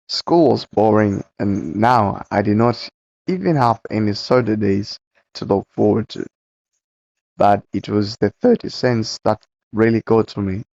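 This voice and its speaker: A man with a low, slightly cracking voice reads a book aloud at a very slow pace, stumbling and correcting himself as he goes. The sound is dry and close, with a dull, muffled home-recording quality. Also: vocal fry, a little mellow, dry recording. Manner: slow, halting reading with stumbles and self-corrections. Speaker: book reader.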